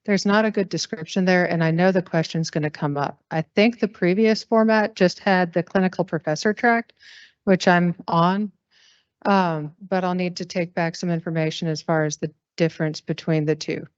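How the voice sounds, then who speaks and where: A woman's voice: fairly low pitch, fairly even intonation, moderate pace, smooth, dry recording. A woman faculty senator and surgeon, candidly asking questions at a meeting in an auditorium. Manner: candid, slightly self-deprecating. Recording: dry, dull lo-fi sound.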